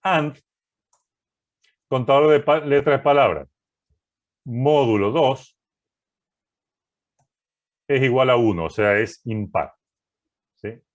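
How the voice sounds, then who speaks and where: Male programming teacher, unhurried delivery, methodical, keeps checking in with the class. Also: mid-range voice, muffled recording. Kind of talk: recorded class walking through code.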